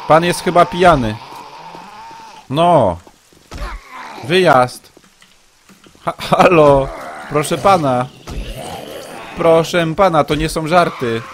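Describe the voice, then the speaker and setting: A prim, officious doctor, as a man puts him on scolds an unwanted visitor with strained politeness. His pitch climbs well above the man's usual low tone. He talks louder and more insistently than in his plain commentary. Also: slight background noise. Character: fussy indignant male doctor shooing off a drunk intruder.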